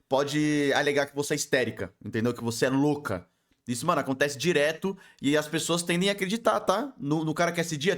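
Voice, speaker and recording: A man with a Brazilian accent reacting casually to a video, talking in excitable, slangy bursts. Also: fairly high pitch. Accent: Brazilian Portuguese. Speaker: react streamer.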